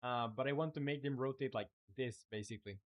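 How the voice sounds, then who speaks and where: A fairly quick, medium-pitched male voice belongs to a young Chilean whose native tongue is Spanish. Building his game on a live stream, he talks casually and thinks out loud. He sounds relaxed and uses many fillers.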